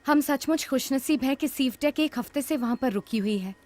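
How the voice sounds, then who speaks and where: A woman's voice: high voice, moderate pace, a little mellow, natural voice. A woman playing a brave, caring young heroine. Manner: earnest, determined. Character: young woman, brave and caring, rushing to save a sea creature. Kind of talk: Hindi film dub. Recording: film audio with music behind.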